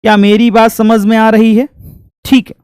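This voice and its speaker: This man's voice sits high with little pitch movement, moving at a moderate pace and sounding slightly mellow and smooth, with no room sound. He's delivering a physics class in a folksy, homely manner, adding sound effects and posing each point as a question he then answers.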